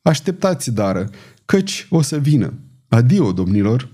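A man's voice: medium pitch, sing-song, mellow, breathy edge. A man doing an imperious queen mother. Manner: cool, measured, authoritative.

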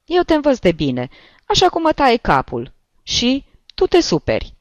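A man voicing an old village priest who scolds gently in a folksy, sighing way, in a dull, dry recording of a read-aloud story. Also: very high voice, wildly swooping pitch, no room sound, voice pushed up, full character voice. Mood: chiding.

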